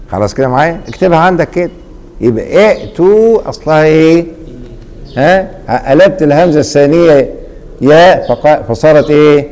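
A middle-aged man with an Egyptian accent teaching a classroom grammar lesson, repeatedly pausing mid-sentence so students fill in the missing word. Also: mid-range voice, warm tone. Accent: Egyptian Arabic. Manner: quizzing, leaves blanks for students to fill.

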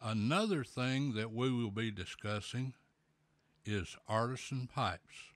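A middle-aged man hosting a show, talking in a slow, folksy, plainspoken way with a pipe in his mouth. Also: mid-range voice, no room sound. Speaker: podcast host. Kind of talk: casual solo talk.

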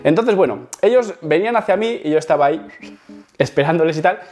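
A man's voice: a little high, animated, fast, a little mellow, faint music behind. A man, telling a story to camera in a chatty, self-mocking way. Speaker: YouTuber. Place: home setup facing a camera.

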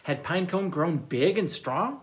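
Male children's librarian, storytime read-aloud; very expressive pitch, slow and deliberate.

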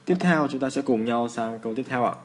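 A man with a Vietnamese accent teaching English phrases in a casual lesson, slowing down to model the pronunciation. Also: medium pitch.

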